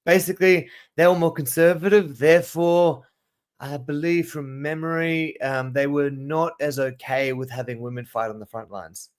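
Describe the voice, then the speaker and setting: A man whose accent blends South African and Australian hosts a live study session, teaching a casual lesson in a steady, fairly high voice at normal speed. He rambles, digresses and corrects himself along the way, picked up on a camera mic.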